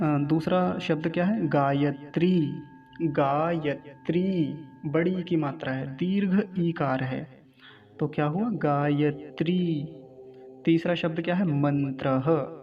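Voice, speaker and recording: A Vedic recitation teacher gives a pronunciation lesson on Sanskrit verses, stretching out every syllable and questioning his class along the way. His voice is on the high side, and the audio has its highs cut off.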